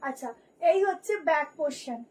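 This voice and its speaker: A hoarse woman, a boutique seller who talks nonstop, showing clothes to viewers in a live sales video. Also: high-pitched, fairly quick. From Kolkata, India. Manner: chatty, nonstop talker.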